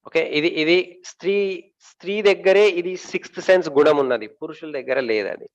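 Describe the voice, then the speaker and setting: A man giving a talk about marriage to an audience. He asks questions and answers them himself, pausing often with fillers and repeating words. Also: fairly high pitch, lo-fi sound.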